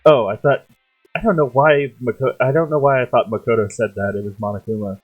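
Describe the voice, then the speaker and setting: A woman streamer reading a game's dialogue aloud, often stumbling and restarting her lines. Her voice sits very low with a husky edge, and soft game music plays underneath. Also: fairly quick, narrow, tinny audio.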